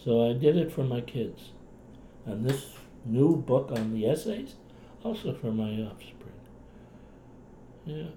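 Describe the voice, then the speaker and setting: Older man with mellow Cape Breton accent. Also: medium pitch, lively intonation, slow pace, long pauses. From Cape Breton, Canada. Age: older, past retirement. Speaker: interviewee, retired clinician and writer. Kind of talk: relaxed reminiscing conversation. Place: indoors in a home. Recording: roomy echo, faint background noise.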